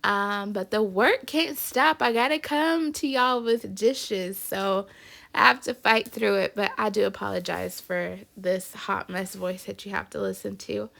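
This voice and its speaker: This cooking-channel host sounds congested and stuffy, yet her mid-range voice comes across bright and forceful, with some vocal fry. She keeps the casual narration of her home cooking video chatty and cheerful, dropping "y'all" frequently.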